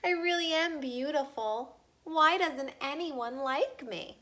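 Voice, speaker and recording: Proud, self-pitying male storybook fish female reader acting: high, bright, haughty and dramatic. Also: slow, heavily acted. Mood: hurt, vain.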